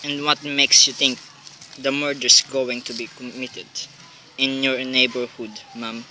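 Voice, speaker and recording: A man's voice: medium pitch, level tone, a little slow, pushed and bright, slight background noise, rough recording. A man playing a dismissive, patronizing police sergeant in a radio play, condescending and placating. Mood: skeptical.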